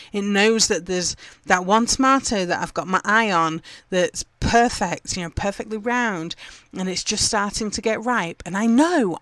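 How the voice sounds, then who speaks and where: A woman's voice: on the low side, fairly bright tone, smooth, no echo. A woman from England hosting a gardening podcast, chatting casually with lots of fillers as she gives upbeat tips. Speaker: podcast host.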